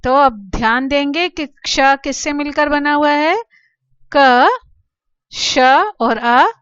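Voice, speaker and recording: A woman teaching children Sanskrit letters, explaining slowly and patiently, asking questions and answering them herself. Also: sits high, fairly bright tone, no room sound, dull audio. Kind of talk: slow classroom explanation to children.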